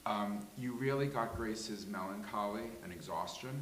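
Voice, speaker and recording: During a casual post-show discussion at a live table read in a room, a man earnestly offers effusive feedback, often restarting his sentences. His lowish voice is a bit bright and moves at a moderate pace. The audio has roomy echo and faint hiss.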